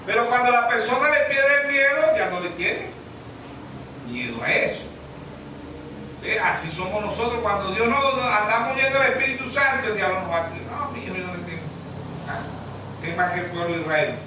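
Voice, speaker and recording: A man's voice: high voice, expressive, moderate pace, background noise. A man preaching a sermon as pastor, emphatic, asking the congregation questions and waiting for their answers. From Venezuela. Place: church hall. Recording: echoey church sound from far off.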